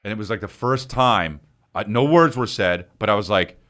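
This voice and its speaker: A man's voice: on the low side, lively intonation, normal speed, a bit bright. A man in his forties telling a story in casual chat, acting out voices and swearing, calling people "bro". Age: 40s. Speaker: podcast co-host.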